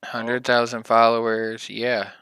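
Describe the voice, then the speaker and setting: A man's voice: mid-range voice, level tone, slow pace, bright, forceful tone, clean tone, no room sound, low-quality recording. A man co-hosting a casual podcast, playful and teasing. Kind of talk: casual group chat on a voice call.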